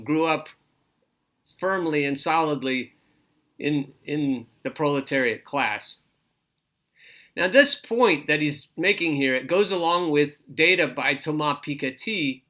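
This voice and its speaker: Bright-voiced man hosting political commentary. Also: on the high side. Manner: reads an article aloud and breaks in with his own comments; stops and restarts phrases, repeats words. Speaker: podcast host.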